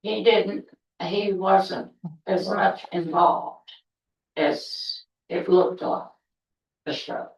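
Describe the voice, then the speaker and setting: A woman's voice: lowish voice, steady tone, drawn-out words, creaky, long pauses. A woman testifying as a witness in court, speaking in hesitant, broken phrases. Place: indoor courtroom. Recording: distant, echoey, muffled courtroom audio.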